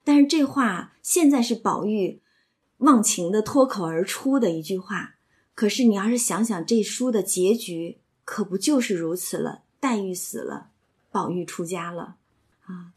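A woman hosting a podcast, explaining a classic novel in a lively conversational way, often asking listeners to agree. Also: mid-range voice, a little slow, husky. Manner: lively, asks listeners "right?". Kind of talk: conversational literary commentary.

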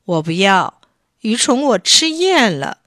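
A woman's voice: mid-range voice, sing-song, slow, a bit bright, dry recording, clean studio sound. A woman reading a children's storybook, voicing a naughty little goldfish who whines and sulks. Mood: sulky. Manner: whiny, sulky.

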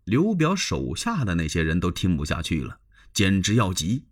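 A man's voice: deep voice, wildly swooping pitch, moderate pace. A man performing a traditional spoken story in a dramatic, conversational way with asides to the listener.

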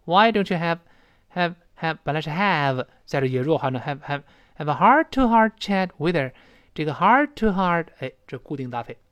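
A man teaching English pronunciation in Mandarin, asking rhetorical questions and repeating phrases slowly. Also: fairly high pitch, sing-song, a bit bright, dry recording.

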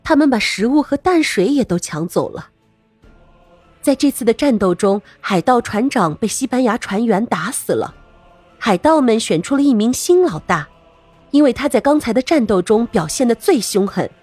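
A woman narrating a scripted story for children as host, expressive and playful, speaking directly to young listeners. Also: fairly high pitch, normal speed, soft background music.

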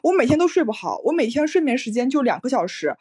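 High, husky-voiced woman podcast co-host. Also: very animated, quick pace, mellow. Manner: chatty, many fillers, frequent laughter. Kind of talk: casual podcast chat.

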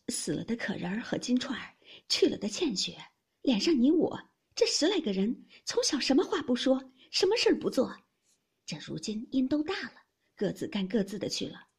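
Woman reader doing a fiery young maid in a storybook reading: high, husky, sharply indignant, swinging wide in pitch. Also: darkish tone, full character voice. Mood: scornful. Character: young maidservant, proud, angry, defiant.

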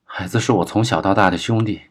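A young gang underling in an audiobook crime story, voiced by a man narrating, raw and volatile. He swings between raised, anguished cries and quiet, subdued replies. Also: fairly low pitch, fairly even intonation, fast, husky.

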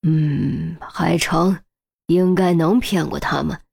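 A sore, grumbling middle-aged officer, voiced by a woman reading the story, mumbling his complaints slowly. The tone sits low and unhurried. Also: fairly even intonation, vocal fry, darkish tone, slightly rough, heavily acted.

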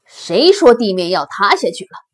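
A woman voicing a calm, steady male lion in a children's story, speaking lower, firm and reassuring. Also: normal speed.

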